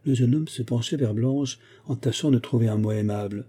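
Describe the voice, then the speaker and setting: A man giving a measured, scripted narration of a classic novel as an audiobook narrator. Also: mid-range voice, mellow, breathy edge.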